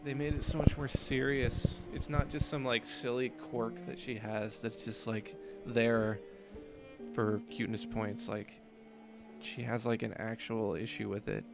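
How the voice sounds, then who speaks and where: A man's voice: mid-range voice, steady tone, unhurried, creaky. Casual swearing man over game music. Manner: casual, swears often, heavy use of filler "like". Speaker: let's play host. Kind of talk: casual commentary while reading a visual novel.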